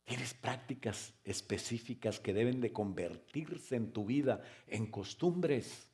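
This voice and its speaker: A man preaching a sermon as pastor, firing rhetorical questions and joking asides, now loud and emphatic, now quiet. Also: mid-range voice, slow pace. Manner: swings between loud emphatic stress and soft quiet stretches.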